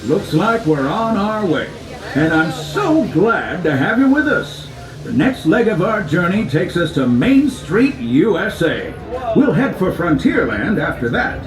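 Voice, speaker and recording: Echoing over loud music, a folksy, cheerful male train conductor narrating a theme park ride. He calls out theatrically in a high, showman's voice. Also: sing-song, a little slow, far from the mic. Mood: cheerful showmanship.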